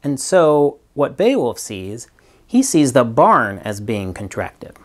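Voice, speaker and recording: Taking it slowly, with a mid-range voice and big pitch swings, a man in his fifties records a physics video lecture. He's a professor in a small room against a green wall, explaining with toy props and pausing with ums as he thinks aloud.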